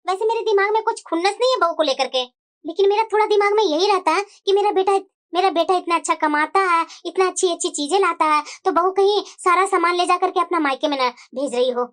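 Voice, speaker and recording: Woman voicing a cartoon mother-in-law, nagging, suspicious, very high voice. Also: quick pace, fairly bright tone. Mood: suspicious grumbling. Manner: grumbling, suspicious, complaining. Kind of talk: Hindi cartoon moral story.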